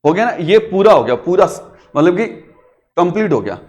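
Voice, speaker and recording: A man with a somewhat high voice teaches a classroom grammar lesson. He coaxes his pupils along with questions and answers them himself. He calls them beta as he talks them through it. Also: big pitch swings, moderate pace, a little mellow. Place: classroom with a digital board.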